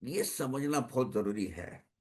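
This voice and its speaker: A man's voice: mid-range voice, lively intonation, slow, a little mellow. A man giving a spiritual discourse at a devotional gathering, speaking emphatically, repeating phrases for stress and dropping English phrases into his talk. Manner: mixes English phrases into Hindi. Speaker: satsang speaker.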